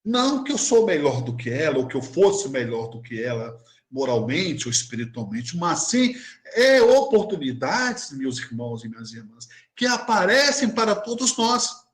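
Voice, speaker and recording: A man's voice: fairly high pitch, very animated, normal speed. A man giving a humorous, storytelling spiritist talk to his brothers and sisters. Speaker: spiritist speaker. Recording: echoey room.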